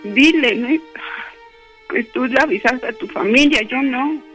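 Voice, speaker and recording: A man playing a tearful young woman in a radio prank call, halting and pleading. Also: very high voice, pushed and bright, faint music behind, full character voice.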